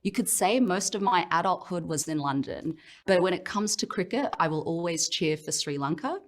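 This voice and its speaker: A woman with an Australian accent giving a reflective, personal motivational talk as a professional speaker, often pausing with "um". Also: fairly low pitch, animated. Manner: reflective, personal storytelling with frequent "um"s.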